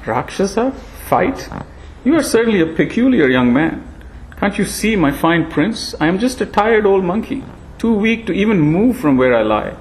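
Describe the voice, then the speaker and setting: A man's voice: high voice, sing-song, moderate pace, slight background noise, voice pushed up, rough recording. A man voicing a frail, ancient male monkey who talks in a shrewd, rambling way in a storybook reading. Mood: amused. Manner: rambling, gently scolding. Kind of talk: storybook narration.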